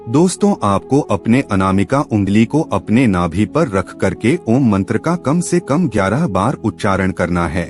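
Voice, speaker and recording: A man's voice: lowish voice, very animated, unhurried, few pauses, a little mellow, soft background music. A man giving scripted devotional voice-over, earnestly instructing listeners and calling them friends. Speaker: spiritual channel narrator.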